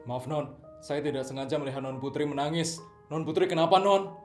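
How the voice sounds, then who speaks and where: A man's voice: a little mellow, natural voice. A man voicing a loyal, stern male bodyguard who speaks politely and formally in an online drama. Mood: concerned. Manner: polite, formal, low and measured. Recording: echoey room, faint music.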